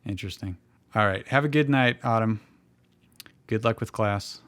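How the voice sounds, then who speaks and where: A man hosting a show reads fan fiction aloud, frequently stopping to joke and comment on the text in casual banter. His voice sits on the low side, a bit bright, at a moderate pace.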